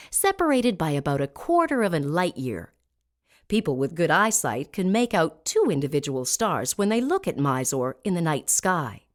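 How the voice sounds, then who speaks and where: A woman reading scripted narration as a smooth museum audio guide, measured and clearly enunciated. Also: medium pitch.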